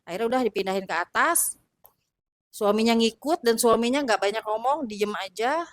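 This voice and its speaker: Woman telling a flight story, halting. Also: fairly high pitch, no echo. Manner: halting, many fillers and restarts. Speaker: former flight attendant guest. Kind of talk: casual storytelling.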